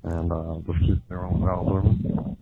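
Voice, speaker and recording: A man leaving a crude, rambling voicemail through a deep pitch-shifted voice changer. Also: level tone, unhurried. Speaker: voicemail caller. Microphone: phone. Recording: tinny phone voicemail with faint hiss.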